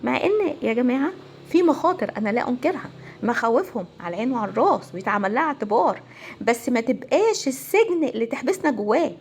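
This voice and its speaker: A woman family counselor with an Egyptian Arabic accent, giving a casual, animated talk to viewers. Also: fairly high pitch, fast talker, a little hiss or hum. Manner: animated, conversational, acts out quoted voices.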